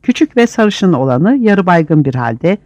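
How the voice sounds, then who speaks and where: A man narrating an audiobook with vivid, expressive reading. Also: sits high, unhurried, dry recording. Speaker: audiobook reader.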